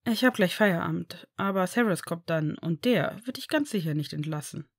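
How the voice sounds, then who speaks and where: A woman voicing a young male healer who scolds his injured friend in a brisk, worried way, read from a fan fiction story. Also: fairly low pitch, lively intonation, no echo, clean studio sound. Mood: scolding.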